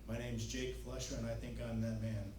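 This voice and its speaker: A confident man from California closes his campaign pitch in a persuasive tone at a local forum. He is recorded from a distance in a roomy hall, with clear background noise under his voice. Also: level tone, normal speed. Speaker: candidate giving closing remarks.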